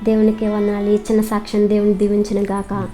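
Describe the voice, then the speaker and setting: A young woman, a mother, earnestly giving a personal religious testimony about her child, talking politely and quickly. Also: medium pitch, monotone, mellow, soft background music.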